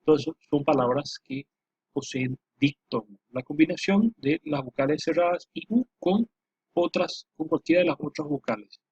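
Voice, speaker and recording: A man giving a slow, patient lesson, repeating himself often and filling pauses. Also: fairly high pitch, expressive, a little mellow, breathy edge, no room sound. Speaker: teacher. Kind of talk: spoken lesson over slides. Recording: dull dry lo-fi voice recording.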